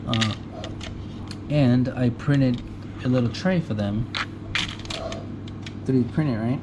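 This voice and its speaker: A tool vlogger with a mid-range voice takes his time, casually showing his tools at a Japanese junkyard in a rambling way. He restarts and corrects himself, uses many fillers, and laughs now and then. He was born in the US into a Mexican family, and the GoPro camera audio is noisy with AC hum.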